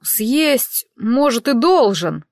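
A woman's voice: on the high side, sing-song, drawn-out words, no echo, clean studio sound, heavily acted. A woman reading an audiobook, voicing a grumpy, scruffy young male werewolf who mutters and grumbles. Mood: sulky. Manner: sulky, muttering, gruff.

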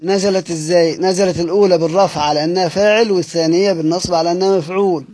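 A man's voice: high voice, steady tone, rapid-fire, darkish tone. A man with an Egyptian accent giving a lesson to students, explaining points step by step and asking and answering his own questions. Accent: Egyptian Arabic. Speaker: Quran recitation teacher. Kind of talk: lecture to students.

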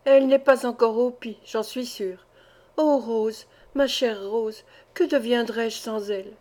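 Elderly aunt, tender and solemn, read by a woman; slightly high, storybook reading. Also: fairly even intonation, measured pace, darkish tone, natural voice. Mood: grave.

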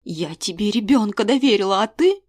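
A woman reading an audiobook, voicing a furious middle-aged friend and mother who shouts crude accusations down the phone. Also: mid-range voice, animated, normal speed, no room sound, close to an everyday voice. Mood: furious shouting.

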